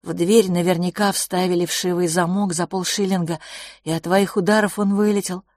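A woman voicing a calm, cool-headed boy, the older twin, speaking quietly and measuredly in an audiobook. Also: fairly low pitch, normal speed, no echo, clean studio sound, lightly acted. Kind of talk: audiobook character voice.

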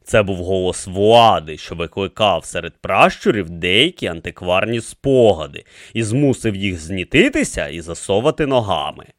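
A man narrates an audiobook in a measured, expressive storytelling style. His voice is low, and the studio-quality recording has no room sound.

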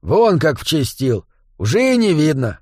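A man's voice: a little high, sing-song, unhurried, a little mellow, dry recording, studio quality. A man voicing a hot-headed, foul-mouthed male killer who snarls threats. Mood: resigned. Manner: snarling, swearing.

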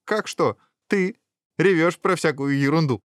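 A man's voice: a little high, a little slow, dry recording, clean studio sound, voice pushed up, natural voice. A man voicing a pert, moody princess. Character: pretty, moody young princess.

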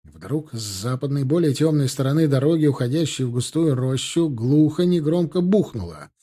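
A male narrator reading a historical novel aloud. His voice is mellow and dark, with a medium pitch. The delivery is a calm, steady audiobook read. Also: moderate pace, slightly rough.

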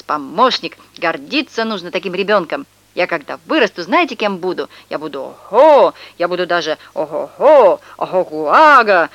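A proud, boastful little boy from a children's audiobook, as a woman reads him, bright and lively, shouting out his play commands. The voice is close and dry, with no room sound. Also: no room sound. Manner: lively, loud play-acting, high.

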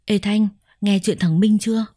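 A woman's voice: medium pitch, moderate pace, no echo, studio quality, natural voice. A woman doing an eager gossipy neighbor woman. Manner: chatty, lively gossip.

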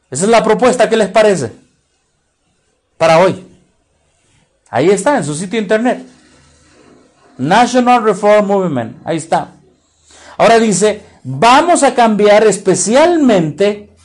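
Man, Mexican accent, sermon, high pitch, questioning, emphatic stresses. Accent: Mexican Spanish. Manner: quizzes the listeners with repeated questions. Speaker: preacher.

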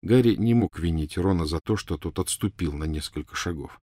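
A man narrating a storybook in an expressive reading. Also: sits low, a little fast, dry recording, clean studio sound. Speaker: reader. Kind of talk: audiobook narration.

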